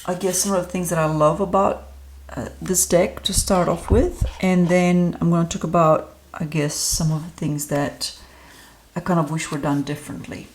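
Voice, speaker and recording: A relaxed, chatty woman with a slightly low-pitched voice, reviewing a card deck for her channel. She talks in a loose, easygoing way, filling pauses with ums and small laughs. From Australia. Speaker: tarot reader and deck reviewer. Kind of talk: casual solo review talk.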